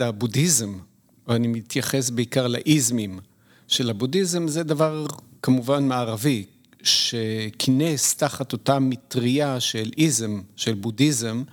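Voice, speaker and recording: A middle-aged man, a podcast guest, explaining his views in a measured, lecturing way, often pausing to find the right word. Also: medium pitch. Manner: measured, lecturing, pauses to search for words. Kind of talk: reflective conversational explanation.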